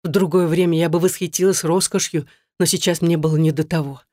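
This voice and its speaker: A woman's voice: on the low side, steady tone, fairly quick, mellow, no echo, studio quality. A woman reading a dramatic first-person story aloud. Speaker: narrator.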